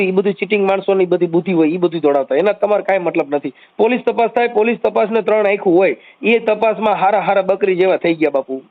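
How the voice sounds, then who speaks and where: Fast-talking reassuring man on phone. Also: sits high, creaky. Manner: reassuring, repeats calming phrases. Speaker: social media activist taking calls. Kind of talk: phone call advice. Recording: tinny phone line.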